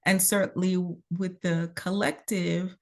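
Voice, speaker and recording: A woman hosting a conversational interview in a somewhat low voice. She encourages her guest and keeps up a steady stream of affirming murmurs while the guest talks. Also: measured pace, gravelly. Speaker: interview host.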